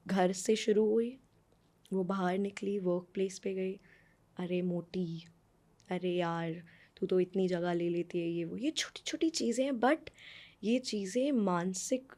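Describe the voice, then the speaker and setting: एक महिला लेखिका, भारतीय लहजे में, इंटरव्यू में जोश और गंभीरता से अपनी बात रखती है, बीच-बीच में अंग्रेज़ी शब्द मिलाती है।. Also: female voice, medium pitch. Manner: earnest, animated, mixes English words into Hindi. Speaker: guest, author. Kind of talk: conversational interview answers.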